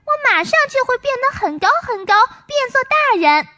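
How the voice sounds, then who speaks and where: Storybook boastful little boy, a woman voicing him, very high, bright and excited. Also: moderate pace, full character voice. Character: small boastful boy, eager to grow up.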